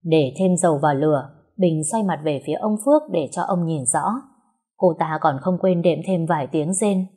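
Husky woman narrating a drama. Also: low voice, moderate pace, warm tone. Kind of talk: scripted story narration.

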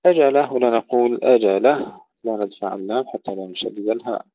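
A man teaching tajweed. He recites words slowly and carefully, then explains each rule in a plain voice. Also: fairly low pitch, fairly even intonation, warm tone, dry recording. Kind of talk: tajweed lesson with slow demonstrative recitation. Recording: dull, dry close recording.

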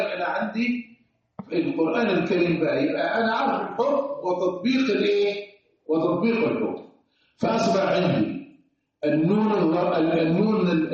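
Man, Egyptian accent, recitation teacher, sing-song questioning, high voice, far mic, very echoey room. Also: darkish tone, highs cut off. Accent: Egyptian Arabic. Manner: sing-song explaining, asks class questions. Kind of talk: classroom lecture.

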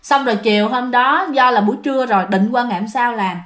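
A woman's voice: on the high side, fast talker, fairly bright tone. Chatty Southern Vietnamese woman storyteller. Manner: chatty, addresses listeners often. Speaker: storyteller and channel host. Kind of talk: casual ghost-story narration.

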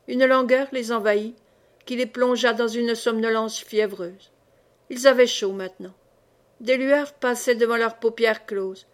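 Lectrice de livre audio, femme à la voix assez aiguë, lecture posée et expressive d'un roman classique. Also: female voice, fairly high pitch. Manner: calm, measured, expressive reading. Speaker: audiobook reader. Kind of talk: literary audiobook narration.

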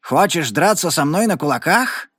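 Male reader doing a giant saloon bully: hoarse, bellowing, threatening. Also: a little high, very animated, normal speed, a bit bright, no room sound, heavily acted. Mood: enraged. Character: huge brutish male thug, loud and bullying.

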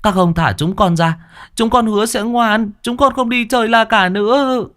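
A man voicing frightened young children who plead to be set free, raising his voice high and making it tearful. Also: normal speed, fairly bright tone. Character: terrified young children begging for mercy.

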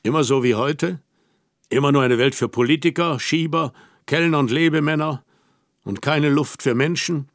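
A man's voice: fairly high pitch, moderate pace, no echo, clean studio sound, lightly acted. A man reading as a lonely, questioning middle-aged man. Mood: incredulous. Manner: searching, questioning, tender. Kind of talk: audiobook reading.

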